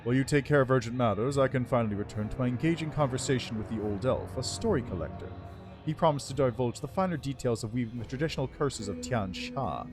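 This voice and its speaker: A man's voice: mid-range voice, fast, over music, close to an everyday voice. A man voicing an ancient undead lich from a game, with a dry voice and a pompous, scornful, formal manner. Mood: imperious. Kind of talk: voiced reading of game dialogue.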